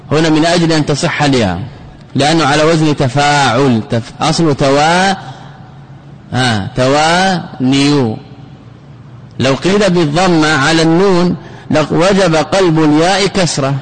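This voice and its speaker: A man's voice: on the high side, rough recording. A man teaching a classical grammar lesson, asking questions and answering them himself and repeating key words.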